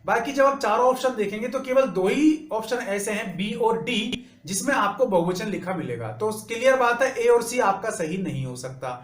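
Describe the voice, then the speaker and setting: A man teaching an exam-prep lesson, working through each answer step by step and reciting grammar rules slowly. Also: sits high, animated, roomy sound.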